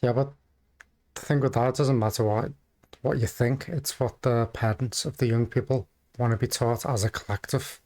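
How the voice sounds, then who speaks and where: A man giving casual, off-the-cuff commentary as a reaction video host, halting and rambling as he goes. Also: medium pitch, steady tone, a little mellow. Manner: hesitant, halting, rambling delivery.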